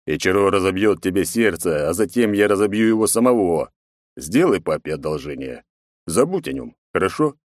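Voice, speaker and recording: A man voicing a gruff, commanding middle-aged emperor and father in an audiobook. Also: sits low, expressive, normal speed, a little mellow, no room sound, clean studio sound. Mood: weary.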